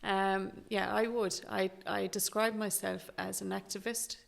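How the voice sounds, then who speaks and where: A woman with an Irish accent answering as an interview guest in an earnest, measured, conversational way. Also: mid-range voice, little pitch movement, vocal fry. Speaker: interview guest, Traveller education activist.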